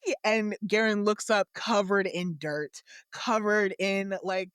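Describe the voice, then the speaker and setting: A woman playing a tabletop game, describing her character's actions in long, animated run-on sentences. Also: medium pitch, slow, smooth, dry recording, studio quality. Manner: animated, laughing often, run-on storytelling. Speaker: player.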